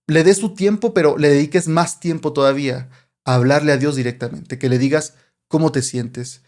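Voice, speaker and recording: Man, somewhat high voice, earnest podcast host teaching casually about faith. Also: a little mellow. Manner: earnest, explanatory, with frequent restarts and acted prayers.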